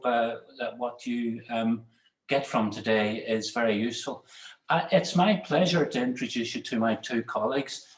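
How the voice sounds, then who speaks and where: Man, hosting a webinar, hesitant with many restarts, mid-pitched, roomy echoey sound. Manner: halting, restarts and repeats words often. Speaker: webinar host. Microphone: webinar call.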